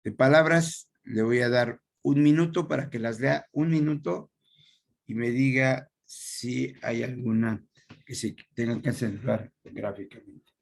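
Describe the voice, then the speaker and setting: A man teaching a class online, taking his time over every word. His voice sits at an ordinary middle pitch, and he checks in with his students often as he goes. It comes through a computer microphone on a video call. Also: a little slow, gravelly.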